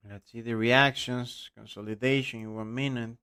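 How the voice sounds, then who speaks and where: Costa rican guy streaming trades, smooth clear voice, reads chat questions out and answers blunt, fades out at the end of lines. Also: medium pitch. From Costa Rica. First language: Spanish. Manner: reads questions aloud, answers bluntly, trails off quietly at ends of phrases. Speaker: trading livestream host. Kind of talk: live stream chat, reading viewer questions.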